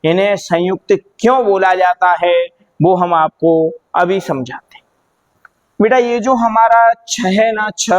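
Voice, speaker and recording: Slow, high-voiced Hindi teacher drilling sounds. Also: male voice. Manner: drills sounds aloud, asks and answers own questions, calls listeners "beta". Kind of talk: classroom lesson.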